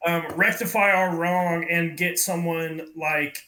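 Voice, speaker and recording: A man's voice: on the high side, steady tone, slow, sharp tone, rough recording. A man casually debating with other players in a social deduction game.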